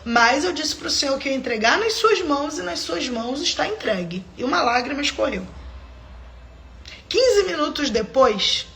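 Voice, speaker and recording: Live-streaming from home, a high-pitched woman gives a personal faith testimony as an emphatic storyteller, repeatedly addressing her viewers directly. She is very animated, with a fairly bright tone at a moderate pace, and a little hiss or hum is audible.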